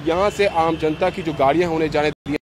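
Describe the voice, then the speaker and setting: On a roadside near a gate and flyover, a male field reporter goes live without a script, speaking wordily and repetitively into a handheld microphone. His voice is on the high side, steady and fairly quick, over outdoor street traffic.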